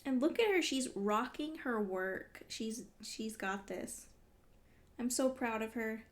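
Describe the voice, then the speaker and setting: Her voice sits a little high and is expressive, and she takes her time. This vlogger reads along and reacts casually, sounding exclamatory and deeply invested.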